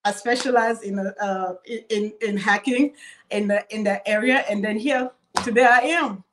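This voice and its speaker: On a video call, a young woman from Cameroon serving as a cybersecurity panelist recounts her story with frequent fillers and false starts. Her mid-range voice is fairly bright and moderately paced, and there's a faint hiss or hum in the audio.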